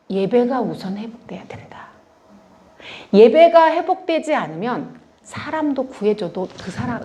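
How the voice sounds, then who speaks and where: A middle-aged woman giving a lively testimony sermon at church, acting out the people in her story. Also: on the high side. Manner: animated storytelling, acts out dialogue, laughs often. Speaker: lay ministry evangelist.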